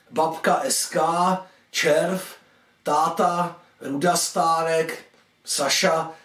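Animated man reading a story, echoey. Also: fairly high pitch. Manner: expressive, voices each caller. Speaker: author reading his own story. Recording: echoey room, distant mic.

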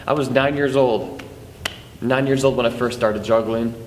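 A man's voice: mid-range voice, fairly even intonation, normal speed. A young man teaching juggling in a playful, joking way, talking straight to the viewer as he demonstrates. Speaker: juggling instructor. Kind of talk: instructional video. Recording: echoey room with long reverb, faint noise.

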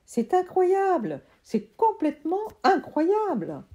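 Storybook uncle, eccentric and excitable, high emphatic exclamations, mellow tone; read by a woman. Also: slow pace. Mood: excited. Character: excitable eccentric middle-aged uncle, a plant collector.

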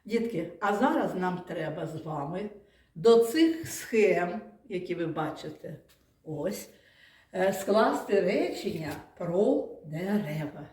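Woman teacher for a children's lesson: unhurried, patient, sounds out words, recorded in a roomy, echoing classroom. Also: fairly low pitch, animated, darkish tone. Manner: patient, questioning and praising, spells out sounds and syllables. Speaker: kindergarten teacher.

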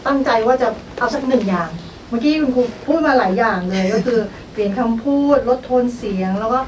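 A woman's voice: fairly high pitch, fast, a little mellow, far from the mic, slight background noise, rough recording. Woman coaching with prompting questions. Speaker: workshop coach. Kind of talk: coaching dialogue.

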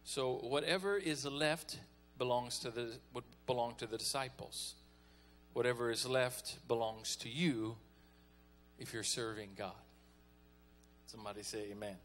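Folksy pastor preaching. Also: male voice, mid-range voice, unhurried, fairly bright tone, a little hiss or hum. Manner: folksy, conversational preaching with audience call-and-response. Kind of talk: sermon.

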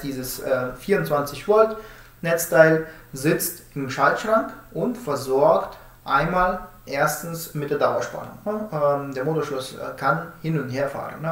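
A presenter in his thirties talks casually about the tech behind smart-home door products, his statements often finished with questioning tags. His voice is a little high and a bit bright, echoing in a roomy indoor space.

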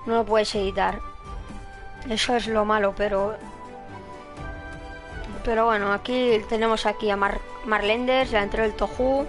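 A woman with a Spain Spanish accent doing casual, energetic, excitable commentary as a live game streamer. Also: mid-range voice, unhurried, long pauses, music in the background.

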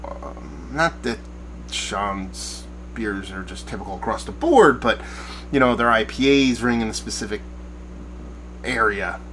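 A man's voice: fairly low pitch, fairly bright tone, a little hiss or hum, rough recording. A bearded man in his forties giving a casual, rambling beer review to camera from a small shed studio, often searching for words. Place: backyard shed studio at night, small room.

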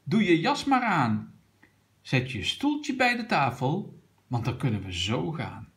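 A friendly woman teacher of a kindergarten class talks in a brisk, cheerful, instructing way, played by a man reading a picture book. The voice is lively and sing-song, with a slight gravelly grain. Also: fairly high pitch. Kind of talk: storybook read aloud to a child.

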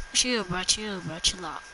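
A young man in a game who keeps telling others to calm down and stop taking loot. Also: high voice, slow pace, rough recording. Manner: exasperated, urging others to calm down. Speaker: gamer. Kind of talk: gameplay chat. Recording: clear background noise.

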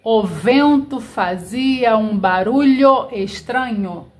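A woman teacher reads sentences aloud one word at a time. She spells out letters as she writes. Her voice sits a little high and moves very slowly. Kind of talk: slow dictation lesson.

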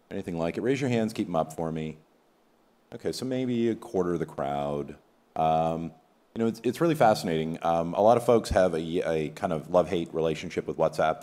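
A middle-aged man speaking on a conference panel in a relaxed, conversational way, polling the audience now and then. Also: extremely low pitch. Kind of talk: conference keynote panel talk. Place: conference hall stage, in front of an audience. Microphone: table mic on a stand.

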